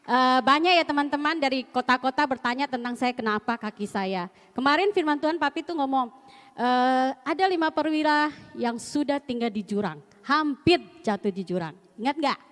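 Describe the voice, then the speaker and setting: Chatty high-voiced woman in a reverberant church. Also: moderate pace, fairly bright tone. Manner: chatty, laughs often, slangy storytelling. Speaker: church member giving testimony. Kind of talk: lively testimony at a church service. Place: church hall. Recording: long hall reverb.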